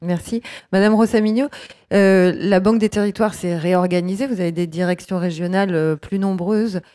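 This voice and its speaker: A woman moderating a panel debate, asking questions in a slightly halting way. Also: mid-range voice, steady tone, dark tone. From France.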